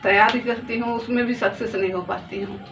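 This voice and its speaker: A woman's voice: fairly high pitch, fairly even intonation, a little fast, a bit bright, soft background music. A woman in her thirties, a mother of two daughters, telling her story and pleading earnestly, repeating phrases as she speaks. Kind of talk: emotional personal testimony to camera. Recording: distant, dull lo-fi phone audio with faint noise.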